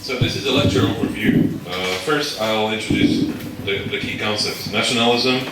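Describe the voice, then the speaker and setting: A Slovak man with a lowish voice gives a university lecture as a guest lecturer, speaking at normal speed. He explains things step by step and checks in with his listeners. The recording comes from a distant mic in an echoey hall, with background noise.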